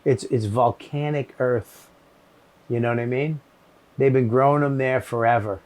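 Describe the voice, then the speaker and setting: A man's voice: mid-range voice, steady tone, normal speed, a little mellow. A man with a Boston accent, rambling and swearing as he chats casually about cigars, often groping for words. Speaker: podcast host, comedian. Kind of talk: casual chat. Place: shed with cigars.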